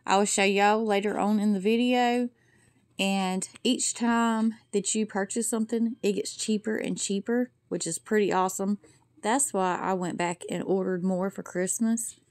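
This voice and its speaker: A woman vlogger chats casually with viewers from her home kitchen and living room in a vlog and product review, sounding folksy and calling them y'all. Her voice is medium-pitched and the recording is dry.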